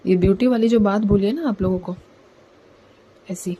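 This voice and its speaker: A woman talks her viewers through a collective tarot reading in a loose, chatty way, often tagging her sentences with "theek hai". Her voice is mellow and warm, pitched in a middle range. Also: normal speed, breathy edge, muffled recording. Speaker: tarot reader.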